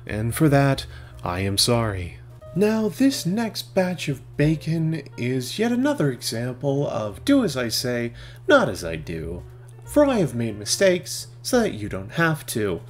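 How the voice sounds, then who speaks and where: A young man talks viewers through a recipe in a comedic voice-over, his pitch swinging widely from line to line. He slips deadpan jokes between the steps and now and then bursts out in mock exasperation. Soft music plays behind him. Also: measured pace. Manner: deadpan jokey asides, sudden bursts of exasperation. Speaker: cooking video host. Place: home kitchen.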